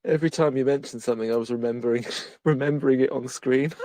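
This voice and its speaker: A man's voice: mid-range voice, a little fast. A man co-hosting a podcast that reviews bad films, talking casually, laughing often and restarting his sentences. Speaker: podcast co-host. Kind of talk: casual film-review chat.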